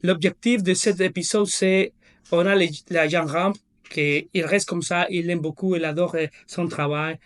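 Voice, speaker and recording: A man with a slightly high voice speaks French with a foreign accent, as a non-native speaker. He hosts a casual podcast, searching for words in a halting way and slipping in English terms. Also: fairly even intonation. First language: not French. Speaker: podcast host.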